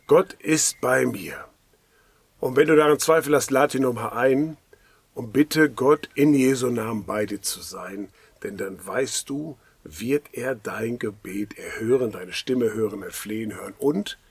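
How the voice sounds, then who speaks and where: A man giving a daily devotional sermon as a pastor, earnest and pastoral, often dropping to a hushed whisper. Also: mid-range voice, husky, no echo.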